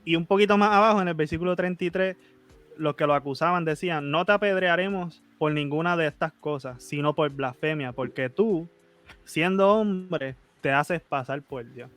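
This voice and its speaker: A man's voice: fairly high pitch, moderate pace, fairly bright tone, soft background music. A man co-hosting a casual Bible discussion podcast, cutting in politely and then reading verses aloud.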